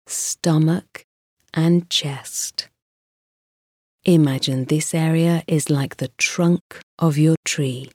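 A woman guiding a mindfulness meditation in a slow, soft, soothing voice with pauses. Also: deep voice, no room sound, clean studio sound. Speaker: meditation guide.

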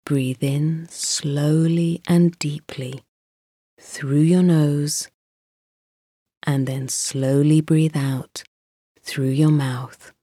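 Woman meditation guide, low and warm, breathy softness, dry close voice-over. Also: fairly even intonation, dry recording. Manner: slow, soft and soothing, with pauses.

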